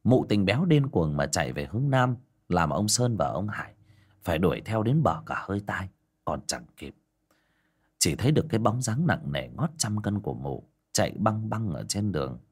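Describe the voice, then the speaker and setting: A man narrating a scripted horror story in a dramatic, expressive way. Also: sits low, moderate pace, slightly rough.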